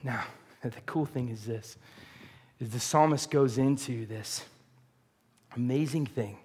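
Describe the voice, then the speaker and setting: A man preaching a sermon in a casual, animated way, full of fillers and rising at times to near shouts. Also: medium pitch, takes it slowly, breathy edge.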